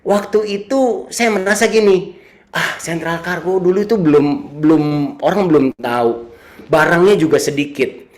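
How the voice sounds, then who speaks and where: A man's voice: fairly high pitch, moderate pace. Chatty man in his thirties preaching. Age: 30s. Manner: chatty, repeats phrases, teases the listeners. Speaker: youth service speaker. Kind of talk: casual sermon with personal testimony.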